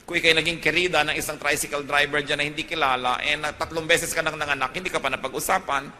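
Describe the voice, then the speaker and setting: Filipino male preacher, emphatic sermon delivery, very bright tone, echoing hall. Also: fairly high pitch, fairly even intonation, fast, slight background noise. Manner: switches between Tagalog and English, rising to emphatic peaks.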